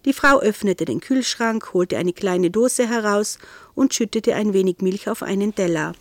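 Expressive woman reading a story aloud. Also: mid-range voice, moderate pace, no echo. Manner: expressive, playful. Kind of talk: audiobook reading.

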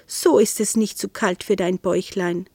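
A fond, cheerful woman from a storybook, doting and bright in her talk, as a woman reading aloud puts her on. The voice sits close and dry, with no room around it. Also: mid-range voice, fairly even intonation, moderate pace, no room sound, close to an everyday voice.

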